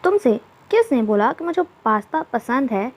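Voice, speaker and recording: A woman's voice: fairly high pitch, very animated, normal speed. A woman voicing a coy young wife. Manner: teasing, coy. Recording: dull lo-fi recording.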